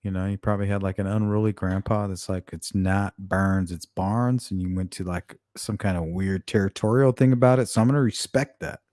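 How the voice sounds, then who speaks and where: A man with a lowish, mellow voice hosts a relaxed late-night stream. He teases his viewers, jokes, and swears casually. The sound is close and dry, with no room echo. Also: quick pace, hardly any pauses. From Arizona. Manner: joking, teasing, profane. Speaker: live stream host.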